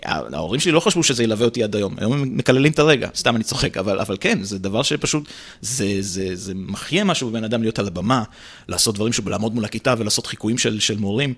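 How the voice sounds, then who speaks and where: A man who is a stand-up comedian, telling stories in a casual interview with a slightly rolled r and animated impressions. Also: on the low side, slightly rough. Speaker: guest, stand-up comedian and actor.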